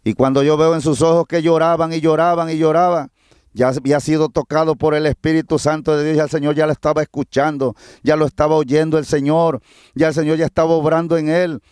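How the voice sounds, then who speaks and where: A man's voice: fairly high pitch, level tone, a little fast, a little mellow, clear, resonant tone, no room sound, studio quality. A middle-aged man from Mexico with a Mexican Spanish accent, preaching a fervent, repetitive testimony on a livestream.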